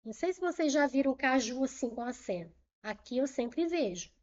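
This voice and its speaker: A woman's voice: high-pitched, animated, moderate pace, darkish tone, lo-fi sound. A woman with a Brazilian Portuguese accent teaching a grammar lesson for exam prep, patiently repeating rules and asking and answering her own questions.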